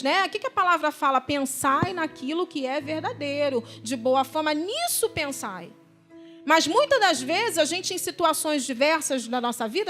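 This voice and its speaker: High-voiced woman preaching. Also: a bit bright. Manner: conversational preaching, often asking "right?" and "you know?". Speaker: deaconess preaching. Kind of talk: sermon. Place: church service.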